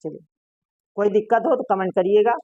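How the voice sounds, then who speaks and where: A woman's voice: medium pitch, brisk, warm tone, dry recording, muffled recording. A woman teaching a shorthand lesson, asking her class questions and answering them herself.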